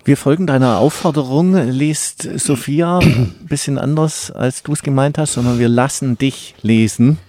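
A man's voice: medium pitch, normal speed, few pauses, dark tone, no echo. A man interviewing an author, prompting him casually to start reading.

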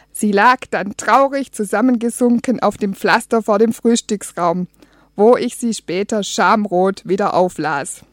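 A woman's voice: mid-range voice, dry recording. A woman reading a humorous first-person story aloud as an audiobook, with a wry, dry comic delivery. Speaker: audiobook reader.

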